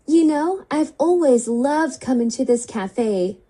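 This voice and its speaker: A woman's voice: sits high, animated, takes it slowly, warm tone, husky, heavily acted. A woman whose voice is run through an app voice-changer preset, playing a chatty young woman at a cafe. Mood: friendly. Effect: app voice changer preset giving a processed woman's voice.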